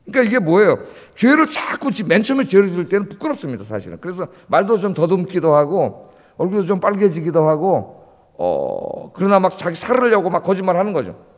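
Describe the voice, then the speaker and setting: Male pastor, high and animated, emphatic sermon delivery, reverberant sanctuary sound. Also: fairly quick. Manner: emphatic, rhetorical questions to the congregation. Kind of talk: early-morning sermon. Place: church sanctuary. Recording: long church reverb.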